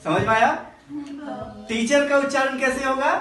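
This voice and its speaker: A teacher explaining grammar to a class, drawing words out slowly and quizzing the students. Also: high-pitched, fairly bright tone. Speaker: English teacher. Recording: echoey classroom from a distance.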